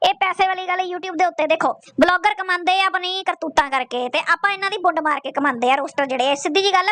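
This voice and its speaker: A woman's voice: very high-pitched, pushed and bright. A woman roasting someone in crude, mocking, scolding commentary full of profanity.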